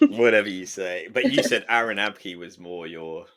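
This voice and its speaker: A man's voice: deep voice, moderate pace, a bit bright. A man co-hosting a casual podcast, teasing his co-host and thinking aloud with restarts.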